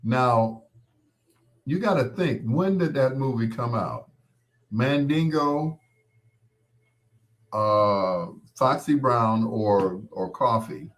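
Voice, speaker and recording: This American host, a man in his sixties with a medium-pitched voice, runs a casual live chat. He reminisces in a rambling, conversational way and repeats points for emphasis.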